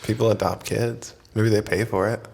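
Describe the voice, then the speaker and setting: Man, fairly low voice, laid-back, laughs a lot, casual podcast chat. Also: steady tone, normal speed, creaky, darkish tone. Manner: laughing, easygoing, filler-heavy. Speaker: podcast co-host.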